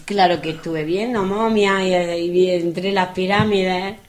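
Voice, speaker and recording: A middle-aged woman, telling funny travel anecdotes in casual chat, animated and chatty. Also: lowish voice, moderate pace. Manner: lively, animated anecdotes with acted quotes. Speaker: guest telling travel stories.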